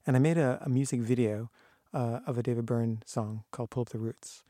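Man, casual storyteller, mellow voice, dry close sound, acts out quotes, halting restarts. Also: mid-range voice, fairly even intonation, no room sound. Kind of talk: casual anecdote.

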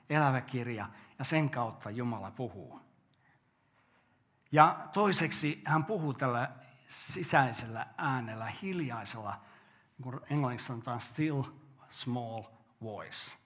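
An older pastor delivers a sermon in an earnest, steady voice. He asks his listeners rhetorical questions and then answers them himself. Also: medium pitch.

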